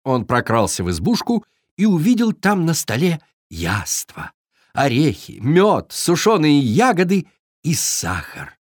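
A storyteller reading a children's tale, the voice sitting mid-pitch and swooping dramatically up and down in a sing-song way. The recording is very dry and close, with no room sound. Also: huge pitch swings, unhurried, slightly rough, no room sound.

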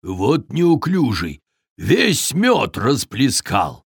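A gruff storybook bear, as a reader puts him on, grumbling in slow, husky tones. The reading sits in a dry, close recording. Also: medium pitch, wildly swooping pitch, no room sound, full character voice. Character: grumpy clumsy bear.

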